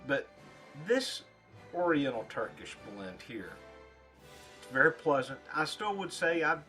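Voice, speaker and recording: Man giving a halting, casual review. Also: fairly high pitch, sing-song, pushed and bright, faint music behind. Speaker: pipe tobacco reviewer. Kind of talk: casual spoken product review.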